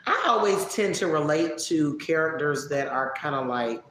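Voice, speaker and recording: A man casually answering viewer questions on a live stream, relaxed and chatty, musing aloud as he thinks. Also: fairly high pitch, moderate pace. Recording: echoey room with faint background noise.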